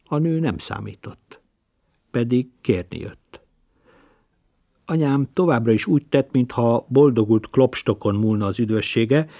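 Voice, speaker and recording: Low-voiced man reading literary prose. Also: darkish tone, no room sound, clean studio sound. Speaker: audiobook reader. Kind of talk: literary audiobook narration.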